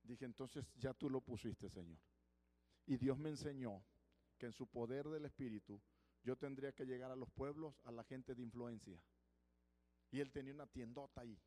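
A man with a Mexican Spanish accent preaching as a pastor, emphatic, moving between loud preaching and hushed storytelling. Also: mid-range voice, normal speed. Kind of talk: sermon with personal stories. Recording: long hall reverb.

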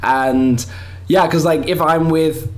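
A young man from Mozambique talks in an easy, agreeable way and often chimes in with "yeah". His voice sits a little high for a man. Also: fairly even intonation, slow, a little mellow, low-quality recording. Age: young adult. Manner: agreeable, frequent backchannel "yeah". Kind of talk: casual chat.

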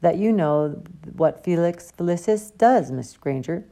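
A woman's voice: lowish voice, lively intonation, a little slow, mellow. A woman voicing a genial, pompous older male potions teacher who talks theatrically.

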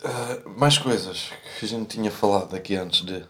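A man's voice: on the low side, normal speed, a bit bright. A young man in a casual chat, talking in slang and swearing freely. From Portugal. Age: young adult. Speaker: podcast co-host.

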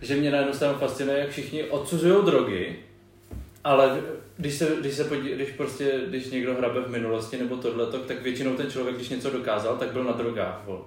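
A man's voice: medium pitch, fairly even intonation. A young man co-hosting a casual podcast, telling stories in a slangy, rambling way with lots of restarts. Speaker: podcast co-host. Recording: very echoey room, mic off at a distance, faint noise.

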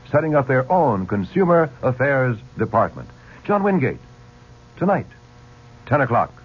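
A husky American man delivers a scripted news promo on the radio. He is emphatic, with big swings in intonation, and the sound is a dull vintage broadcast. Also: medium pitch. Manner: emphatic, asks and answers his own questions. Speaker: news host promoting his programme.

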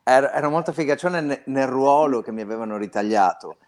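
A man's voice: mid-range voice, fairly quick. A man from Belluno calling in to a radio show over an internet line, chatting casually and often restarting his words. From Belluno, northern Italy. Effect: remote caller's voice over an internet line. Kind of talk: casual chat, telling a story.

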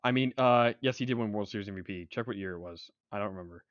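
A man's voice: on the low side, fast talker, no room sound. Rambling young man talking sports. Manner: rambling, stuttering restarts, opinionated. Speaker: sports podcast co-host. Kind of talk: casual sports talk. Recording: dry, dull lo-fi sound.

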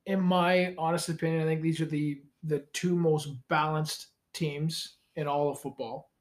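A young Canadian man co-hosts a casual sports podcast from a cold home garage, rambling laid-back and correcting himself as he goes. His voice is fairly high, with little pitch movement and a moderate pace.

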